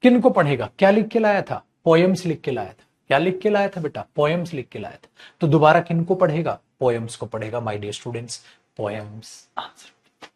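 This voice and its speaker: A middle-aged male teacher runs an exam-prep English class, coaxing his students along. His fairly high voice swings up and down as he drags out key words and reads the example sentences slowly. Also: lively intonation, darkish tone, a little hiss or hum. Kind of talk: online exam-prep lesson.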